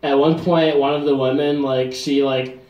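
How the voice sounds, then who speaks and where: A man doing a stand-up comedy set, talking in a halting, deadpan way full of "like" and "um" fillers. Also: mid-range voice, muffled recording. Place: comedy venue. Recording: roomy live venue echo, faint ambience.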